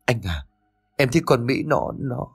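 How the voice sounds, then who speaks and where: A man's voice: medium pitch, sing-song, moderate pace, breathy edge, faint music behind. A man voicing a grieving middle-aged mother who pleads tremulously for her dead daughter. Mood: sobbing.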